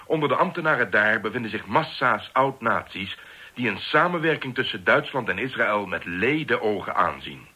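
A calm, husky officer. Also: male voice, on the low side, normal speed, full character voice. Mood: explaining. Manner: calm, explanatory, worldly. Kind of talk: 1960s radio drama.

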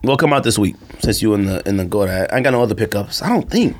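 Co-hosting a podcast, a man talks fast and casually, his pitch jumping around in a very lively way. He's animated, slangy, and full of jokes, though a cold leaves him a bit under the weather.

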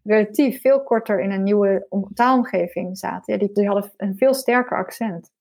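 A woman's voice: medium pitch, moderate pace, vocal fry, darkish tone. A woman language researcher explaining her findings in an interview, thoughtful and a little hesitant.

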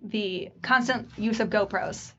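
A woman's voice: medium pitch, a little slow, sharp tone, highs cut off. A woman copywriter chatting as a podcast guest, wry and laughing often. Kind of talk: casual chat.

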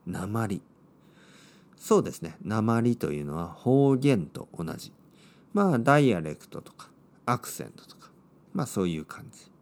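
A man from Oita, Japan, teaching Japanese to learners in slow, simple, clearly spoken sentences. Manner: slow and clear, with lively swings in pitch.

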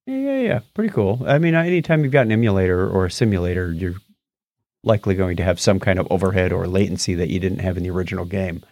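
This man talks fast in a low voice with no echo, co-hosting an easygoing tech podcast. He rambles energetically and often catches and corrects himself mid-thought.

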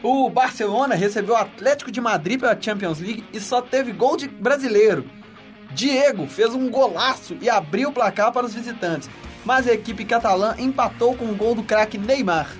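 A man's voice: very high voice, normal speed, soft background music. A man hosting a sports news round-up with casual banter. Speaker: sports show host.

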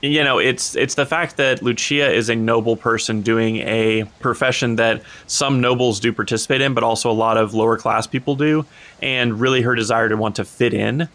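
This man has a bright, ringing voice and a middling pitch. He chats eagerly on a podcast and rambles, circling back to restart his thoughts. His delivery is loose and unscripted. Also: fairly even intonation, normal speed. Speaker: podcast co-host and player. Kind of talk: casual podcast chat.

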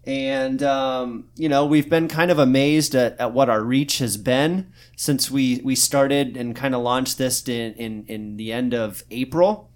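A man from Arizona co-hosting a casual podcast, talking loosely with many fillers and restarts. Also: mid-range voice. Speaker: podcast co-host, physical therapist.

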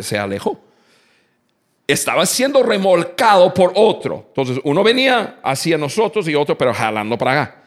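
A man telling funny personal stories in a talk to an audience, acting out shouts and laughing as he goes. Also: medium pitch. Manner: animated storyteller, acts out shouts and laughs. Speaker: speaker on communication.

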